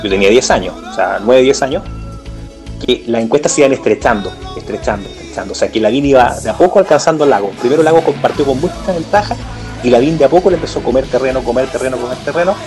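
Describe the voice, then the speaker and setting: Hombre chileno charlando de política. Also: male voice, mid-range voice, animated, quick pace, darkish tone, faint music behind. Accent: Chilean Spanish. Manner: rambling, many restarts and fillers. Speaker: political podcast co-host. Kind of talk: casual political chat.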